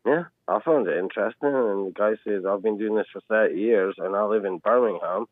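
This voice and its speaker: A man's voice: fairly low pitch, brisk, dry recording. A man from Scotland calling in to a radio show over the phone, laying out his point at length and passing on what others told him. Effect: heard over the phone. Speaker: caller. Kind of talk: call-in radio chat. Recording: narrow phone-line audio.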